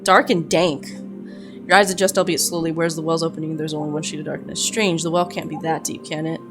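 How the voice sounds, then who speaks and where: Excitable woman reading a spooky game. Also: deep voice, brisk, over music. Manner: excitable, laughs and yelps at scares. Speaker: game streamer. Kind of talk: let's-play commentary and reading game text.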